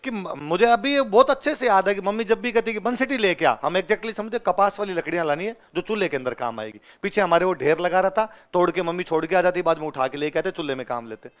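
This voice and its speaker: A man in his twenties with a Rajasthani Hindi accent from the Ganganagar area, teaching a class and telling stories in an animated way, acting out the dialogue and laughing often. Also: high voice, fast, hardly any pauses. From Rajasthan, India. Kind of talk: classroom lecture with anecdotes.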